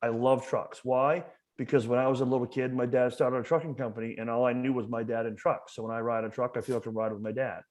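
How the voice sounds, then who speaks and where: This is a man from Maine, a museum educator, guesting on a podcast in a relaxed interview. His mid-range, slightly mellow voice moves fast with fairly even intonation, and he argues passionately and emphatically, repeating words to drive his points home.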